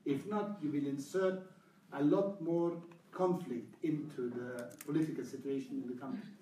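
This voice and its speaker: A man speaking as a minister on a panel, measured and careful, with hesitant fillers. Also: on the high side, warm tone, a little hiss or hum. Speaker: government minister. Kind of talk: public panel discussion. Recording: roomy hall, far from mic.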